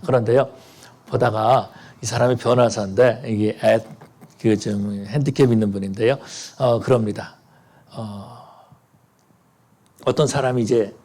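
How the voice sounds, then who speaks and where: A man's voice: mid-range voice, mellow, slightly rough. A man preaching a sermon as pastor, earnest and rising to fervent appeals to the congregation.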